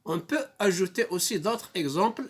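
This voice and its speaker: Moroccan-accented male teacher, patient and repetitive, reads syllables out slowly. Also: high-pitched, expressive, husky. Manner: slow, patient explanations with many repetitions; drawn-out sounds when spelling. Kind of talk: online reading lesson.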